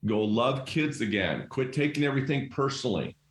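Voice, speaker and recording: A man's voice: mid-range voice, expressive, brisk, echoey room. A middle-aged man, a guest leadership coach, talking emphatically and animatedly in casual conversation, acting out quoted voices. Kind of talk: passionate conversational storytelling.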